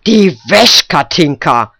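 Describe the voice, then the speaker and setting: Man putting on a shrill scolding old village woman. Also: expressive, takes it slowly, bright, forceful tone, no echo, studio quality, full character voice. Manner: screeching, nagging calls. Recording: slightly muffled lo-fi recording.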